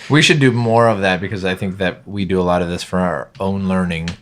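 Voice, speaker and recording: A man's voice: low-pitched, fairly quick. A man co-hosting a casual podcast, agreeable and reflective. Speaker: podcast co-host. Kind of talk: casual chat.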